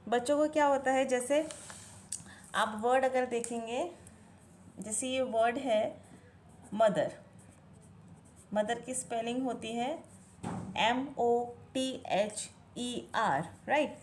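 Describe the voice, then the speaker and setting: A woman's voice: a little high, a little mellow, a little hiss or hum. A woman hosting a home-teaching video who patiently explains spelling methods for children, mixing Hindi and English and spelling words out letter by letter. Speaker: parenting channel host teaching spelling methods.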